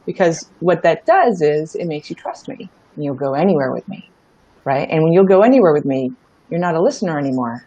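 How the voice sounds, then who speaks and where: With a deep, warm voice that swings widely in pitch, a middle-aged startup founder talks fairly quickly as an interview guest. Her storytelling is casual, candid and emphatic, and she often checks in with the listener. There's no echo, but the highs are cut off.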